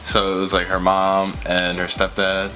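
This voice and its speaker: Young guy with a really deep voice, chill, short dry answers. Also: monotone, unhurried, pushed and bright, soft background music. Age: young adult. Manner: laid-back, short dry replies. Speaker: boyfriend guest. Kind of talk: casual chat.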